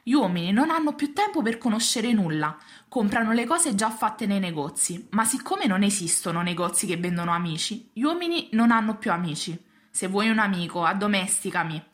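A woman's voice: medium pitch, expressive, brisk, few pauses, close to an everyday voice. A woman voicing a wistful, lonely and wise female fox, talking earnestly in a storybook reading. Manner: earnest, pleading, reflective.

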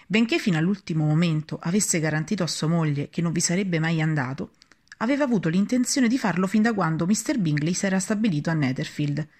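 Brief: woman narrator, steady and measured, classic novel reading. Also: lowish voice. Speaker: audiobook narrator. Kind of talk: scripted narration.

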